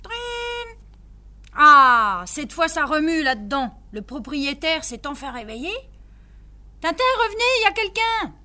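A hot-tempered sea captain from a comic-book story, exclaiming and blustering, voiced by a woman reading aloud. The voice is high and bright. He speaks slowly. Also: big pitch swings, exaggerated voice. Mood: excited.

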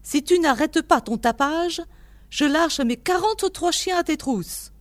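A woman doing a shouting cranky old man. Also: high voice, expressive, measured pace, pitched above the performer's own voice. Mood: yelling angrily. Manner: shouting, scolding. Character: cranky old male animal keeper, gruff.

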